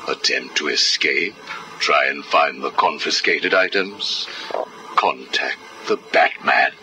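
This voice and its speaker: A man's voice: very deep voice, background noise. A man playing a cold, clinical older psychiatrist questioning a prisoner, heard as a recording played back from an interview cassette tape. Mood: coldly probing. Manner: measured, clinical, condescending. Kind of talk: video game voice acting.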